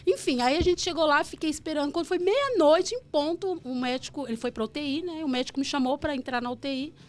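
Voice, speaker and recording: A woman's voice: high voice, fast. A Brazilian woman guest telling an emotional personal story in a radio studio, earnest and heartfelt. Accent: Brazilian Portuguese. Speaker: guest, author of a book.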